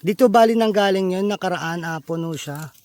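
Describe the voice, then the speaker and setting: Brief: male vlogger, high-pitched, chatty and friendly, walking-tour explainer outdoors, dry close sound. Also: moderate pace, darkish tone, no room sound. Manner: friendly, chatty, addresses viewers as buddies. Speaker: vlogger host. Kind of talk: casual outdoor vlog explanation. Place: outdoors in a bamboo grove.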